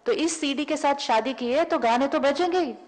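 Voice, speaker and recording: A woman with a fairly high voice delivers a spiritual talk to an audience in a lecture hall. She explains her ideas through everyday anecdotes, playing both sides of the dialogue herself. She repeats her key words for emphasis. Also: moderate pace, darkish tone. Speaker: spiritual teacher.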